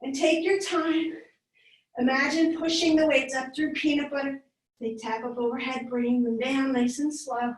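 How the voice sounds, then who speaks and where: A woman's voice: sits high, steady tone, moderate pace. Winded woman cueing a yoga weights class. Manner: cueing moves, encouraging, slightly winded. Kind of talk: live class instruction. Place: yoga studio. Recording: echoey room, voice from far off.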